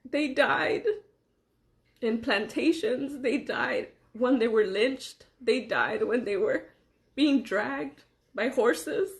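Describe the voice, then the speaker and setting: A young woman from Los Angeles, speaking earnestly in a personal monologue to camera, pausing between phrases. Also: fairly high pitch. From Los Angeles, USA. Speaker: vlogger.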